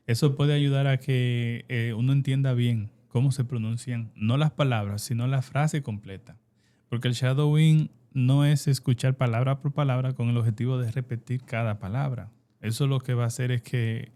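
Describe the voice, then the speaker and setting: A man with a Dominican Spanish accent co-hosts a podcast about learning English. His voice is warm and dark at a middle pitch. He agrees briefly, then builds on the point. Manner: agreeable, adds points after brief affirmations. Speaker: co-host. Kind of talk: explaining in an educational podcast.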